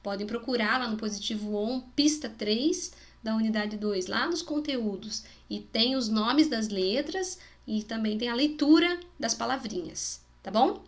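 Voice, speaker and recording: Fairly high-pitched and measured, with few pauses, a Spanish-accented woman teaches kids through a video lesson. She sounds out example words, explains things patiently, and checks in using "né?" and "tá bom?".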